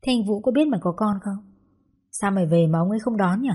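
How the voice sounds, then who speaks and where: A woman's voice: mid-range voice, fast talker, breathy edge, close to an everyday voice. A woman voicing a brash, blunt young mother. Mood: curious. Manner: loud, blunt, swears casually. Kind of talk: audiobook character dialogue.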